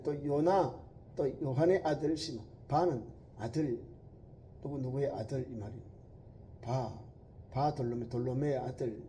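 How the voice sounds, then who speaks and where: A man, preaching a sermon as pastor. He moves between loud, emphatic quoted lines and low, quiet asides. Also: slight background noise.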